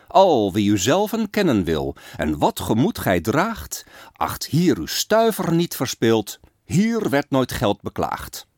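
A man voicing a loud male fairground barker who calls out in a sing-song way. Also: on the high side, no echo, clean studio sound, pitched above the performer's own voice, heavily acted.

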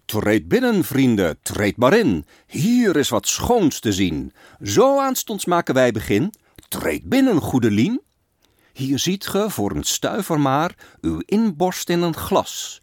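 A man doing a loud sing-song fairground barker. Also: fairly high pitch, huge pitch swings, slow, no echo, clean studio sound, pitched above the performer's own voice, heavily acted. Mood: hawking.

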